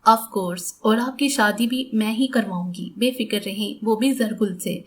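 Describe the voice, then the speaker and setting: A woman's voice: mid-range voice, a little hiss or hum, close to an everyday voice. A woman voicing a sassy, talkative twenty-year-old woman doctor in an audiobook, cheeky and defiant.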